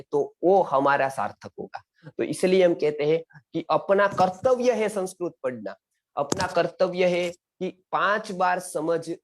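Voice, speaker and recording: Male Sanskrit teacher, fairly high voice, earnest lecturing, keeps quizzing students. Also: a little mellow. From India. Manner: earnest, exhortative, repeats questions to students. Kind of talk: online class lecture.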